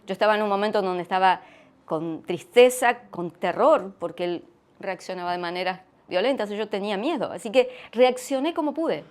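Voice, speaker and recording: A middle-aged woman with an Argentine accent, sharing a personal testimony at church in an earnest, reflective way, pausing and restarting often. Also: medium pitch, lively intonation. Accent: Argentine Spanish. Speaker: guest speaker sharing testimony.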